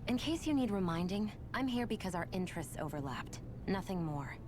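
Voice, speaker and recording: A woman's voice: very animated, a little fast, lightly acted. An actress playing a cold, haughty, aloof noblewoman with clipped delivery in a video game dub. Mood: cold, defiant. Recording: noisy rumble behind the voice.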